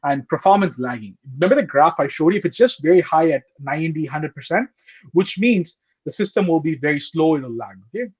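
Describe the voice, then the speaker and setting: A man teaches a live online computer class on a video call, his fairly high voice animated, a little fast, darkish and edged with breath. He goes step by step, punctuating with "okay?" and "right?". The audio comes through a laptop or headset mic and sounds muffled.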